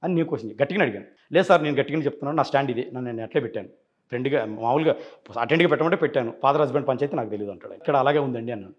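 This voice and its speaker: A man's voice: mid-range voice, very fast, dull audio. A man as an interview guest, telling his side insistently and acting out past phone calls. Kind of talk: rapid interview account.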